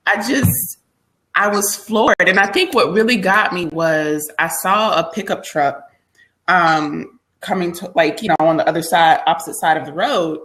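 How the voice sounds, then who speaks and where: A woman as interview guest, telling travel stories in an animated, hesitant way with fillers. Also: lowish voice, a little slow, rough recording. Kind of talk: casual interview chat.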